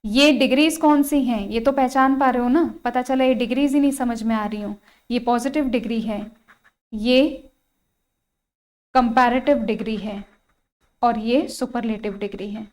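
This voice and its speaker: A woman's voice: on the high side, darkish tone, rough recording. Indian woman teaching English grammar. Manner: spells out words slowly, repeats key phrases. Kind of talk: online exam-prep grammar lesson.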